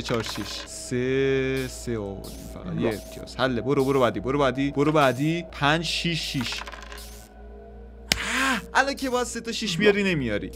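A man commentating a dice game he is playing, counting rolls aloud and swearing or cheering at the results. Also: a little high. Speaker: gaming YouTuber. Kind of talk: casual let's-play commentary. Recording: game music behind voice.

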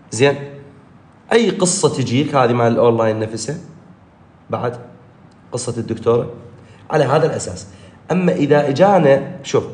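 A male teacher with an Iraqi Arabic accent, giving an exam review lesson and repeating key points with lively jumps in pitch. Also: reverberant. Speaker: English teacher.

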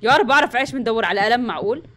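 A woman with a Levantine Arabic accent hosting a let's play, talking through the game excitedly and breaking into panicky bursts of repeated words. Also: a little high, racing. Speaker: gaming channel host.

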